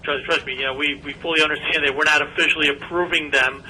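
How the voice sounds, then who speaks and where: A man heard over a speakerphone, answering committee questions in a measured, explanatory way with frequent "uh" fillers. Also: on the high side, steady tone, pushed and bright, slight background noise, rough recording. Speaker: lab representative calling in.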